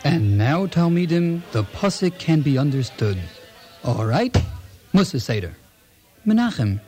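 A grave, earnest rabbi. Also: male voice, fairly high pitch, big pitch swings, mellow, soft background music. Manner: earnest, solemn, measured. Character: respected male rabbi and community leader, grave and earnest. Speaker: teacher.

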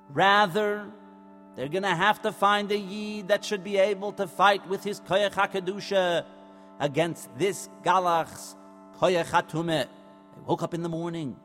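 Male children's storyteller, high voice, expressive and dramatic, long reverb. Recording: long hall reverb, faint music.

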